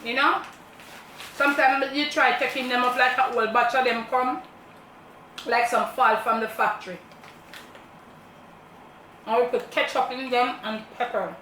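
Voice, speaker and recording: A woman's voice: fairly high pitch, fairly even intonation, measured pace, long pauses, pushed and bright. A woman with a Jamaican accent chatting casually about food while chewing as she talks. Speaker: mukbang co-host. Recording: roomy echo, distant mic, faint noise.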